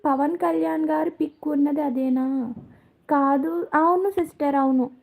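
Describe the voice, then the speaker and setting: A woman's voice: sits high, fairly even intonation, a little slow, vocal fry, darkish tone. A woman hosting a casual live stream, chatting with viewers and answering their comments by name.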